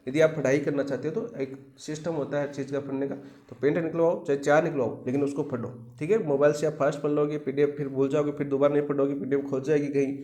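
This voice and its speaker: Fast-talking man teaching an exam-prep class. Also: a little high, flat delivery, dark tone, roomy sound. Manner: repetitive, asks the class questions and answers them himself.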